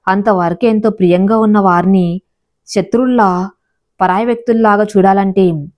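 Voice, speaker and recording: A woman's voice: mid-range voice, a little mellow. Woman narrating a moral story.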